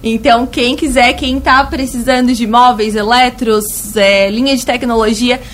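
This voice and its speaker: A woman's voice: a little high, fairly even intonation, measured pace, fairly bright tone, slight background noise. A woman with a thin, reedy, slightly cracked voice, chatting colloquially as a store representative promoting her shop in a radio interview. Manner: colloquial, fond of diminutives and emphatic repetition. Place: radio studio.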